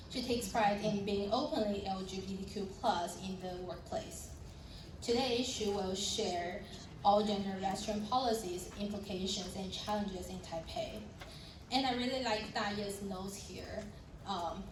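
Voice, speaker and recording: Young woman, panel moderator, friendly with fillers; roomy, distant conference audio. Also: mid-range voice. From Taiwan. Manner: friendly, with light laughs and fillers. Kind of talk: panel introductions and presentation. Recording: roomy sound from a distant mic with background noise.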